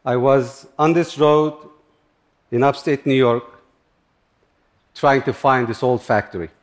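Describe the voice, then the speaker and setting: A middle-aged man from Turkey, speaking halting in short phrases as he tells a personal story on stage. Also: mid-range voice, steady tone. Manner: plain, halting non-native English with short phrases. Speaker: speaker giving a talk.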